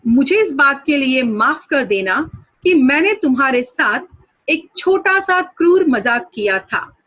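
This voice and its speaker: A woman's voice: high voice, animated, unhurried, fairly bright tone. A woman reading as an angry stingy employer. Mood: calmer. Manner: agitated, scolding.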